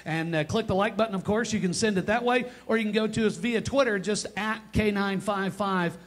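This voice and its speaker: A man's voice: sits high, fairly quick. A man hosting a live radio show, upbeat and welcoming.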